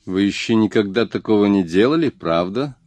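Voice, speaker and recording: A man reading as a calm, teasing young woman. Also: fairly low pitch, normal speed, dry recording, natural voice. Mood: playful. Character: calm, bold young woman, playful and kind. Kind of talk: audiobook reading.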